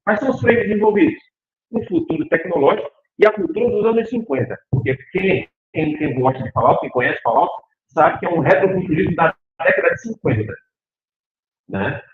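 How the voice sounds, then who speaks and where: Animated Northeastern Brazilian professor lecturing. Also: male voice, fairly high pitch, a little fast. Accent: Northeastern Brazilian Portuguese. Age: middle-aged. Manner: animated, asks the audience questions. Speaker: university professor. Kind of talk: lively academic lecture. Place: lecture hall. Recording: echoey hall, tinny phone-like sound.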